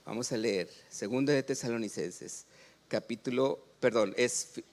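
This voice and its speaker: Preaching at a somewhat slow pace in a medium pitch, this Mexican pastor questions his congregation and gets them to read along. His delivery frequently rises into loud exclamations.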